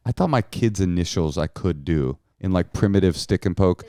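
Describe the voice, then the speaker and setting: Man, lowish voice, wry casual podcast banter, comic storytelling, dry close sound. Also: animated, normal speed, dark tone, dry recording. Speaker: podcast co-host.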